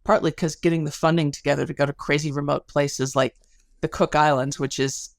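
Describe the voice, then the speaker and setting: This interview guest is a woman whose creaky voice sits low, with fairly even intonation and a slightly quick pace. She relates her research in a storytelling style, sprinkling in casual asides and lively wording. The sound is dry and echo-free.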